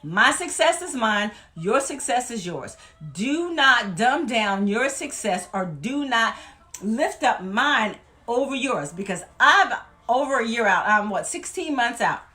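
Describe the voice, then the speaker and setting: A woman's voice: a little high, lively intonation, unhurried, sharp tone. A woman from Louisiana, giving an emphatic, folksy motivational talk as a weight-loss vlogger.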